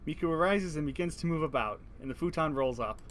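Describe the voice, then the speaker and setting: A man's voice: a little high, lively intonation, fast talker, fairly bright tone, a little hiss or hum. A man reading a visual novel's text aloud, breaking off to joke and laugh. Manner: reads narration evenly, then jokes and laughs between lines. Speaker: let's play co-host reading game text.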